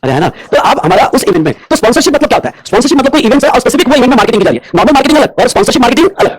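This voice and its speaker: A man lecturing students on tax law at a breakneck clip. His voice sits high and sounds husky, with a dry, close sound. He keeps stopping to ask whether the class has understood. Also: sing-song, no room sound. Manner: rapid mix of Hindi and English, constantly checking whether students follow. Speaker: commerce teacher.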